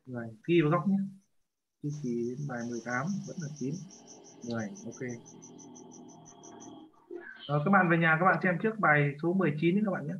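A man's voice: fairly high pitch, brisk, long pauses, fairly bright tone. A male language teacher leading an online class, patiently checking students' answers over a video call. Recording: muffled lo-fi audio with faint hiss.

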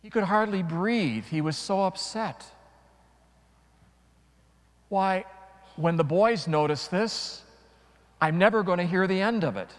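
A middle-aged priest with a slightly high voice preaches a homily to a congregation, his words slow, deliberate, and punctuated by dramatic pauses. The vast church lends a long, lingering reverb.

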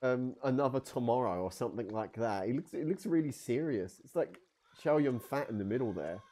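A man's voice: mid-range voice, animated, fairly quick, mellow. A British man giving casual gameplay commentary in a sweary, incredulous, jokey manner. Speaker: game streamer. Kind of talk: casual gameplay commentary, reading game dialogue aloud.

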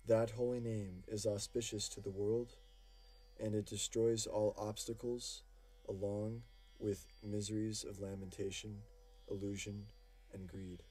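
Low mellow guy reading devotional verses slow and reverent, kinda husky, soft music behind. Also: flat delivery. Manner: slow, measured, reverent delivery. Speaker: audiobook reader. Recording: music playing faintly behind.

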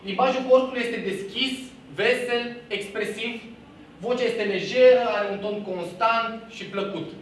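High-voiced man coaching in an echoey room. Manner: authoritative, direct tone; lists traits one by one. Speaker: real estate sales coach. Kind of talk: sales training lecture. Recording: roomy echo, distant mic, faint hum.

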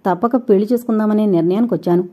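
A woman's voice: medium pitch, rapid-fire, dark tone, close to an everyday voice. A woman voicing a brash, scornful young man who talks in a taunting, insistent way. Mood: coaxing. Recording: dull lo-fi recording.

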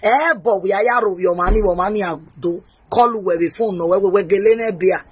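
A woman hosting her own show, mocking and animated as she mixes Pidgin and English. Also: medium pitch, fairly quick, slightly rough. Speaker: host. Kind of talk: casual commentary.

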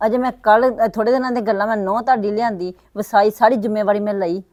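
An actress playing a blunt middle-aged village wife who talks quickly and reproachfully, in a web series drama. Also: female voice, mid-range voice, fairly even intonation, darkish tone, no echo, close to an everyday voice. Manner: fast, reproachful, then muttering asides. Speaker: Sukhwinder, sister-in-law.

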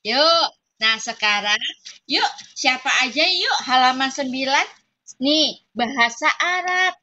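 A woman's voice: high-pitched, lively intonation, measured pace, pushed and bright, muffled recording. A young woman teaching kindergarten children in an online class, coaxing and playful in a singsong way.

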